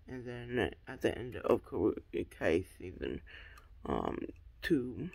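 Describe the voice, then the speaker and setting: A man's voice: mid-range voice, darkish tone. A young man rambling through a fan theory in a casual, hesitant way, full of ums and restarts.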